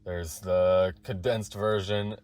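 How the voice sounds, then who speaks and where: A man as a guest, explaining Torah chanting earnestly in conversation, with quick asides. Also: deep voice, steady tone, a little mellow.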